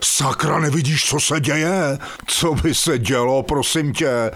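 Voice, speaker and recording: A man voicing a bossy, sharp-tongued female dung beetle in an audio fairy tale, scolding her husband. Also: on the high side, no room sound.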